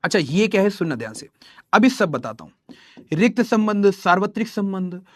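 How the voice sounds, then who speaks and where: A man's voice: high-pitched, very animated, normal speed, no echo, clean studio sound. A young man teaching math live online, teasing students and reading their chat messages.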